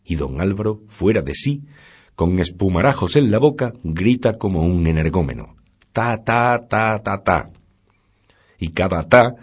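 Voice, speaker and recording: A man narrating a classic novel aloud in a measured storytelling manner. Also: deep voice, darkish tone, slightly rough. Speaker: audiobook narrator.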